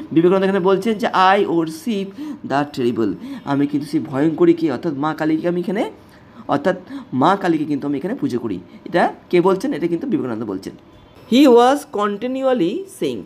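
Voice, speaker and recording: A woman's voice: lowish voice, darkish tone. A woman teacher who reads English lines aloud and explains them to students in Bengali, often checking whether they follow.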